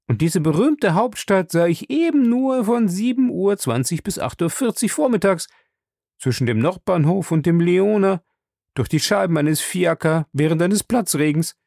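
A man voicing an excitable, talkative young French manservant in a storybook reading, proud and quick to take offence. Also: high voice, vocal fry, no echo, studio quality, voice pushed up, exaggerated voice. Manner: chatty, proud, indignant.

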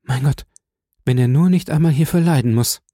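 A gentle, frightened young noblewoman, voiced by a man reading an audiobook, pleading with a soft, breathy tremble. Her tone stays warm and mellow, never sharp. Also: medium pitch, moderate pace, dry recording, studio quality, pitched above the performer's own voice, lightly acted. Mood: anxious pleading.

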